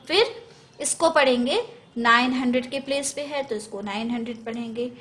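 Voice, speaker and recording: A woman's voice: on the high side, moderate pace, a bit bright, a little hiss or hum. A woman teaching a math lesson in Hindi, going step by step through place values, often correcting herself and mixing in English number words.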